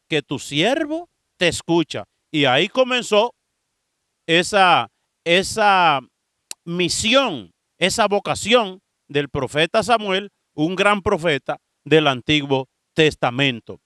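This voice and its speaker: A man's voice: high voice, clear, resonant tone, no echo, studio quality. A priest preaching a sermon, telling Bible stories and speaking straight to his listeners. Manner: preaching with lively storytelling, acting out dialogue; addresses listeners directly.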